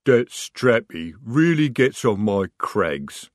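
A man doing a rumbling troll soldier. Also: big pitch swings, dry recording, clean studio sound. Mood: grumbling. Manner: rumbling, slow. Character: huge slow male troll soldier, rumbling.

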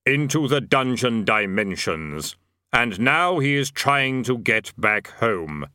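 A man voicing Death, a tall skeletal reaper who speaks slowly, gravely and dryly. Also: mid-range voice, very animated, bright, forceful tone, no room sound, exaggerated voice. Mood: solemn, dry. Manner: measured, grave, dry.

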